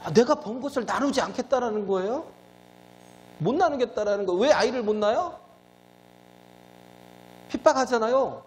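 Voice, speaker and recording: Animated male pastor preaching a sermon. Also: normal speed, pauses often, a little hiss or hum, low-quality recording. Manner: rhetorical questions to the congregation, frequent "예?" prompts; swings between emphatic high lines and low, quiet drops.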